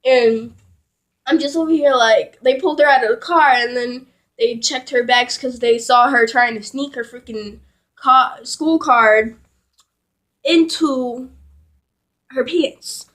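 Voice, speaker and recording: A woman's voice: sits high, slow pace, a bit bright. A young woman vlogger telling a rambling story in a casual, profanity-heavy way, with laughing asides.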